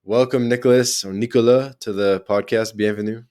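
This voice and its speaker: A man with a fairly low, steady, slightly mellow voice talks at a normal pace. He hosts a podcast from somewhere in Europe, chatting casually and loosely with a guest who joins remotely, full of fillers and restarts.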